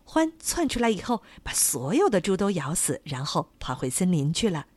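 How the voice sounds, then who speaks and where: A woman narrating a children's folk tale with an expressive, animated reading. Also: lowish voice, moderate pace, no room sound. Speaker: storyteller.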